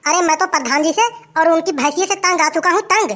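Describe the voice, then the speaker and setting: A performer voicing an angry old farmer in a who shouts complaints and threats. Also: very high-pitched, fast. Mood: angry complaining. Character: grumpy old village man, angry farmer.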